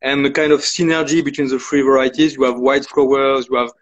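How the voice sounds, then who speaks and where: A man's voice: mid-range voice, fairly even intonation, fairly quick. A man, a cellar master interviewed over a glitchy call that keeps cutting out, speaking hesitantly with many fillers. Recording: muffled lo-fi call audio.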